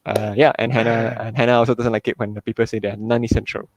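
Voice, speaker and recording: A man's voice: mid-range voice, level tone, quick pace, creaky, no echo, low-quality recording. A man hosting a live comedy show, chatty and teasing with lots of fillers. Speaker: host.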